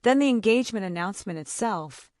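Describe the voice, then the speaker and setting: A woman's voice: mid-range voice, animated, fairly quick, no room sound, studio quality. Reflective young woman telling her story. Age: young adult. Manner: short, quiet, reflective sentences. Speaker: story narrator. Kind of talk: first-person story narration.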